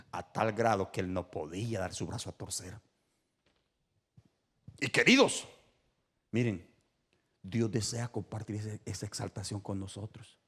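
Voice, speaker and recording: A man preaching an evangelical sermon in a church, swinging between shouted exhortations and hushed asides and repeating his points with emphasis. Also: on the low side, husky. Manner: emphatic and repetitive.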